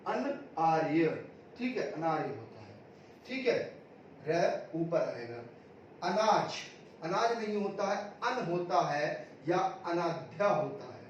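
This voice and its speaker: A man's voice: sits high, a little hiss or hum. Guy teaching grammar drills, echoey room, mic far off and a bit dull. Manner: repetitive question-and-answer drilling. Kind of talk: exam-prep Hindi grammar lesson.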